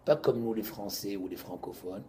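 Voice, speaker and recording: A man, teaching an informal Torah class to students in an animated, joking way, moving between loud bursts and quiet asides. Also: lowish voice, normal speed, slight background noise.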